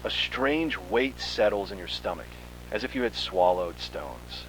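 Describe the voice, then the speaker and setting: A man with a fairly low, slightly bright voice tells a horror story in the second person, theatrical and suspenseful, his intonation swinging widely. His delivery is expressive and a little slow, and a faint noisy hum lingers behind him.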